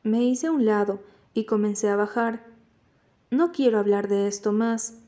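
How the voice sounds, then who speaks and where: A woman reading a novel aloud in first person as an audiobook narrator, at a steady, measured pace. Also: mid-range voice.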